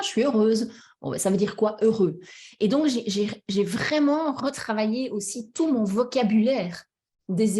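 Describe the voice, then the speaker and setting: A woman's voice: medium pitch, darkish tone. Hesitant French woman coaching on emotions. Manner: hesitant, many restarts and fillers; addresses audience directly, checks understanding. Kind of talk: conference talk, personal examples.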